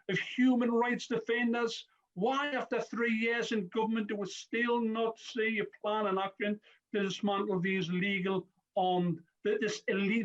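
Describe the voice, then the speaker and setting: A man gives an earnest, formal speech in a parliamentary debate and stumbles now and then. His voice is high for a man. The recording sounds dull and lo-fi. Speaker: member of parliament.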